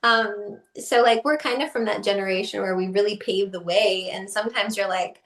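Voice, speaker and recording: Speaking at a normal speed in a mid-range voice, a woman guests on a podcast and spins casual conversational stories. She is chatty, laughs lightly often, uses plenty of fillers and throws in lively quoted asides, all in an echoey room.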